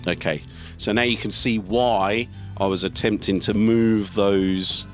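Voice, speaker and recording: A man on the low side of the pitch range, with a steady tone and a slightly slow pace, hosts a let's play. He comments casually on the game live, talking through his tactics as they occur to him, while video game music, artillery fire and vehicles sound in the background.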